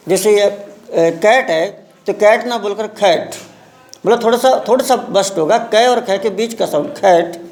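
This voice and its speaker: A male English teacher giving a live class lesson, reading English lines slowly word by word and explaining pronunciation. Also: high-pitched, a little mellow. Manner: reads English aloud very slowly, word by word, then explains in Hindi.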